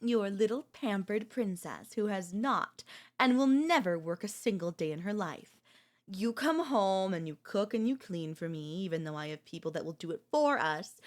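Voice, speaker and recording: A woman performing an ASMR audio role-play as a girlfriend, speaking calmly with a cutting, quietly possessive edge. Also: on the low side.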